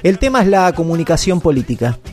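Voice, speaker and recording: Guy narrating a radio news piece, kinda high voice, soft music under it. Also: sing-song, fast talker. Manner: reflective, rhetorical questions. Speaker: radio reporter.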